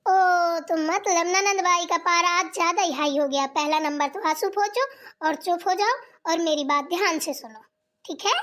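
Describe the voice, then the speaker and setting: A woman's voice: extremely high pitch, normal speed, fairly bright tone. A woman voicing a motherly young sister-in-law in a cartoon, coaxing and soothing as if speaking to a child. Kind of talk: cartoon voice acting.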